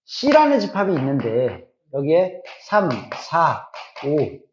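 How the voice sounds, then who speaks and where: A man's voice: a little high, wildly swooping pitch, slow, highs cut off, slight background noise. A middle-aged man teaching a math class, repeating key points and often checking that students follow.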